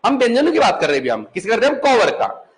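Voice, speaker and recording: A man's voice: very high voice, huge pitch swings, very fast, poor audio. A man with a Pahari-influenced Hindi accent teaching a class in a classroom, patient and chatty, often repeating his questions back to the students and checking that they follow. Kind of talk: classroom lecture.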